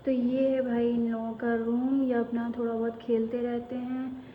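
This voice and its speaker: A woman in her thirties talking casually to the camera in a home vlog, chatting and gently coaxing her children. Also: on the high side, level tone, normal speed, phone-quality sound, a little hiss or hum. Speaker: vlogger and mother. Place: home, indoors.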